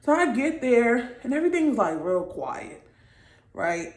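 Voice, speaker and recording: A woman's voice: on the high side, sing-song, a little slow. Young woman telling a story, roomy sound. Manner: conversational, frequent "okay?" and "like" asides to viewers. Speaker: vlogger. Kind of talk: casual personal storytelling to camera. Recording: roomy echo.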